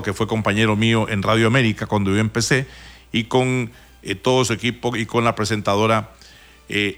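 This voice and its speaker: A Honduran man with a Honduran Spanish accent hosts a casual radio talk show, telling rambling stories with many restarts and fillers. His voice is mid-range and a bit bright.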